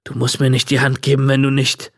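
A man reading the part of a gruff, bearded old homeless man who accuses a boy. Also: medium pitch, monotone, fairly quick. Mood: suspicious.

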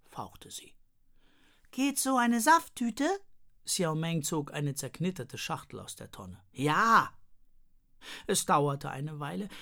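A woman reading a children's story aloud in the first person, lively and expressive. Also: low-pitched. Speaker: audiobook reader.

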